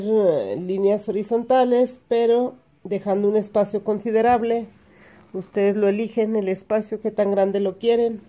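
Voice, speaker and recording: A woman's voice: mid-range voice, mellow. A woman giving a patient step-by-step hand embroidery lesson, explaining each stitch as she works. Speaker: embroidery teacher.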